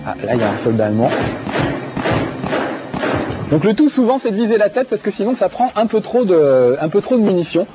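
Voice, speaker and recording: On a TV video game show, a male host plays a game while chatting enthusiastically, laughing a lot and using many fillers. His voice sits high and is very animated, a little fast but broken by long pauses, all in dull broadcast audio with faint music.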